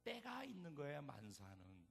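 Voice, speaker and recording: A man preaching a sermon as pastor, dramatic and animated, acting out the voices in the story. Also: on the high side, unhurried, gravelly, husky, soft background music.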